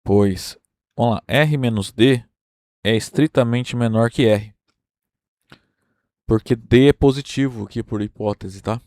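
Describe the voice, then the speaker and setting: A Brazilian man lectures through a number theory proof at an unhurried pace, pausing often to check that his listeners follow. His voice sits at an ordinary middle pitch, recorded dry and close with little room sound. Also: darkish tone, no room sound. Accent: Brazilian Portuguese. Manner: explains step by step, checking in with "tá?" and "né?". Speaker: university math lecturer.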